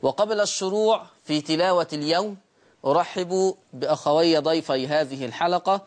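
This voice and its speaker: A man's voice: fairly high pitch, normal speed. A man with an Egyptian accent hosting a Quran recitation lesson, patiently explaining rules and repeating each point twice. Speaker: Quran recitation teacher and host.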